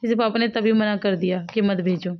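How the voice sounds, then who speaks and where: Talking indoors at home, a family vlogger and mother from India chats with her audience and keeps calling them "guys." She speaks at a normal speed, with a medium pitch and a steady tone, captured in dull lo-fi home audio.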